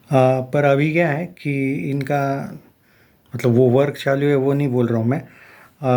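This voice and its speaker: Rambling young man, mellow voice. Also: medium pitch. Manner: rambling, with many fillers and restarts. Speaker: film news YouTuber. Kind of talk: casual film commentary.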